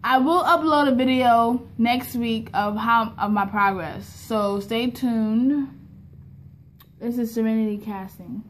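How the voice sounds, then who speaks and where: A woman's voice: a little high, slow pace. A young woman vlogging casually with plenty of swearing, her speech slightly impeded and lisping from a new tongue piercing. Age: young adult. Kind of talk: casual, profane vlog chat. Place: indoors in a kitchen. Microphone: phone at arm's length. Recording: clear background room noise on phone recording.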